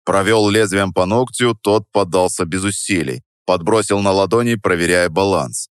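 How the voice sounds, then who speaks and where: A male audiobook narrator telling a first-person story in an even, steady manner. His voice is fairly low, and the recording is dry and close, with no room sound. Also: moderate pace, clean tone, no room sound.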